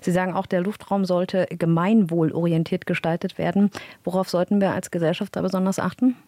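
Radio host lady, mellow dark voice, short questions, dry studio. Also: fairly low pitch, steady tone, a little fast, no echo. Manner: brief questions, attentive backchannels. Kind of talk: radio interview.

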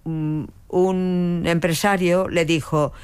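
Speaking slowly at a fairly low pitch, this older veteran dubbing actress keeps a steady tone, her strong voice clear, resonant and a little mellow. She responds to an interviewer hesitantly, often using fillers and starting over.

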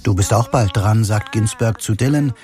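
A man narrating a radio portrait in a measured storytelling voice-over. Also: on the low side, mellow. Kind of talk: documentary voice-over.

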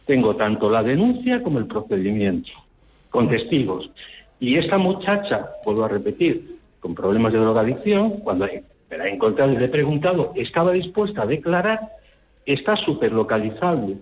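A man's voice: medium pitch, sing-song, normal speed. A man calling in over the phone to a radio show, indignant and insistent as he lays out his complaint. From Spain. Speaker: caller. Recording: tinny phone line.

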